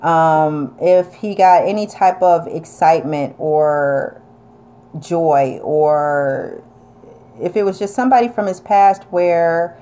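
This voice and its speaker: Woman, upstate New York accent, lowish voice, warm mellow tone, emphatic casual advice chat. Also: takes it slowly. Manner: emphatic, chatty, blunt. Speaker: vlogger reading viewer comments.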